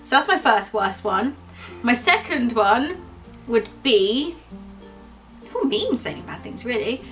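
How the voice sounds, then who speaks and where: A fairly high-voiced woman co-hosting a relaxed review vlog. She talks candidly and chattily and laughs easily, with soft music faintly underneath. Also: slow, rough recording. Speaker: vlogger co-host. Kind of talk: casual chat review.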